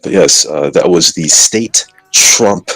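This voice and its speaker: A man's voice: deep voice, slow, a bit bright, dry recording, soft background music, rough recording. A man hosting a podcast, joking and rambling in casual banter. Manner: joking, rambling, trash-talking. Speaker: podcast host.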